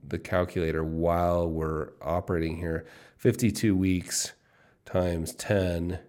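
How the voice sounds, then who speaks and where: A man in his fifties hosting his own podcast, musing aloud in an excited, casual solo monologue and often repeating himself. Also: deep voice. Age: 50s. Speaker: podcast host.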